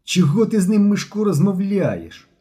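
A hot-headed schoolboy shouts and rushes his words in a storybook reading, voiced by a man. The voice sits raised and jumps around, with a mellow tone underneath. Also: sits high, pitched above the performer's own voice. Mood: agitated. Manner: excited, shouting. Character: boy schoolboy Genka, hot-headed and loud.

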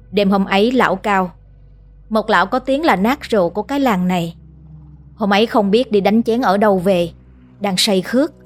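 A woman telling a horror story in a steady, dramatic storytelling manner. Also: medium pitch. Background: faint music.

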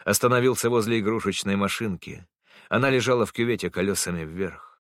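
A man narrating literary prose as an audiobook in a measured, earnest manner. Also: fairly low pitch, dry recording, studio quality.

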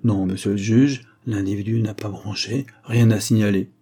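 A young prison sentry, read by a male narrator in a story reading, dutiful as he reports. The voice is dark and husky. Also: fairly low pitch, fairly even intonation, normal speed.

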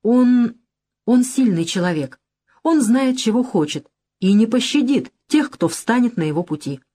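A woman reading an audiobook, voicing an anxious young woman who pleads for a quiet life in an emotional way. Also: on the high side, animated, unhurried, voice pushed up. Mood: pleading.

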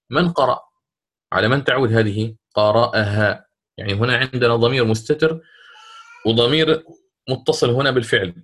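A man teaches a recitation lesson at an ordinary pitch. He explains step by step, quizzes his students and slows down to chant the verses he uses as examples. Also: a bit bright.

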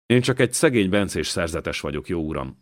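A man's voice: deep voice, lively intonation. A man doing an eager young monk. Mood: eager, restless. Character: young male Benedictine monk, restless, eager, earnest.

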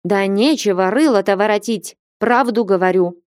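A woman's voice: a little high, lively intonation, unhurried, darkish tone, no echo, studio quality, voice pushed up. Flyonushka, a fiery young woman voiced by a woman. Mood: scolding. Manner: scolding, insistent, mocking. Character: sharp-tongued young woman, bold and impatient.

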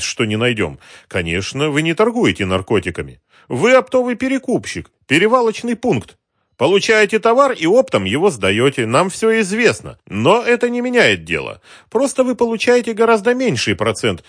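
A man's voice: on the high side, huge pitch swings, moderate pace, fairly bright tone, no room sound, studio quality, voice pushed up, heavily acted. A man voicing a polite, mocking racketeer in a suit who talks down to a shopkeeper. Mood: cold, mocking. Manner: mocking, coldly courteous. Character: sly polite middle-aged male racketeer in a suit.

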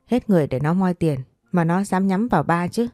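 A woman's voice: on the low side, expressive, a little fast, a little mellow, dry recording, clean studio sound, faint music behind, lightly acted. A woman voicing a hot-tempered young married woman who snaps in angry outbursts. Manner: snapping outbursts.

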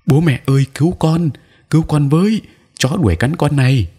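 A man's voice: deep voice, sing-song, unhurried, husky, exaggerated voice. A man voicing a terrified little boy. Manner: panicked, pleading cries. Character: frightened little village boy.

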